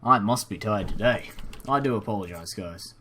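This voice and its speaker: This young man has a fairly low but slightly bright voice and speaks at a normal speed, with a little background noise. A native English speaker, he hosts a gaming video indoors at a computer, delivering casual, unscripted commentary that rambles, apologizes, and runs himself down.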